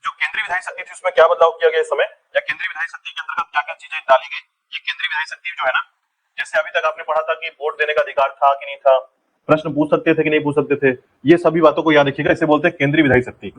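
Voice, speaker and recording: Man, exam-prep lecture, quick delivery, raised pitch, repetitive reminders. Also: fairly even intonation, a bit bright, poor audio. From India. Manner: repetitive, drills key points, keeps saying remember. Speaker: teacher.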